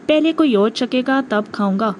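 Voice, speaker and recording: A woman's voice: a little high, lively intonation, a little mellow, highs cut off, slight background noise, natural voice. A woman reading the part of a frightened, stubborn young male captive in an audiobook, by turns defiant and fearful. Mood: suspicious.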